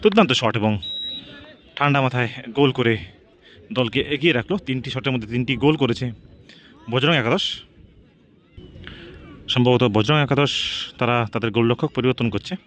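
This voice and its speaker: A man's voice: mid-range voice, steady tone, fairly quick, long pauses, a bit bright. A man giving live football match commentary, repeating team names and phrases as he follows each shot. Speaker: football commentator and channel host.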